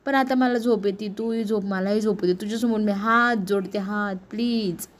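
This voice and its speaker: A woman's voice: mid-range voice, steady tone, normal speed, lightly acted. A woman voicing an irritable, sleepy young wife who snaps in exasperation and begs to be left to sleep. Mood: irritated. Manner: snappish, exasperated, pleading for sleep.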